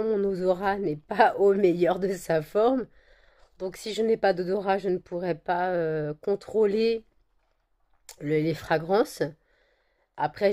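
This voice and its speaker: A woman with a croaky voice from a cold, chatting casually to camera with many fillers and repeated words. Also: mellow. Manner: coos at her dogs in a high sing-song. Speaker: vlogger selling handmade candles and wax melts.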